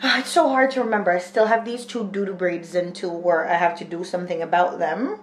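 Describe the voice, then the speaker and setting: A woman's voice: lowish voice, fairly even intonation, fairly quick. Young woman, home vlogger, rambling casual chat, held camera close, faint room hiss. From Jamaica. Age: 20s. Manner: chatty, rambling, thinking aloud with many fillers. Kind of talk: casual daily vlog chat. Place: small home kitchen and spare room indoors.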